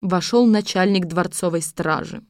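A woman narrating a fairy tale in a calm, even storytelling manner. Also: fairly low pitch, moderate pace, no echo, clean studio sound.

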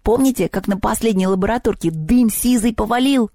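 A woman's voice: a little high, fairly quick, dark tone, no echo, studio quality, pitched above the performer's own voice, lightly acted. A woman voicing a whiny, mischievous little male house spirit in a storybook reading. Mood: grumbling. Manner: wailing, whining, sulky.

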